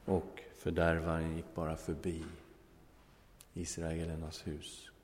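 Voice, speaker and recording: A man's voice: rumbling low, monotone, a little mellow, slight background noise. A male preacher giving a sermon, telling a Bible story with humor and ending in prayer. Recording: long echoing hall reverb.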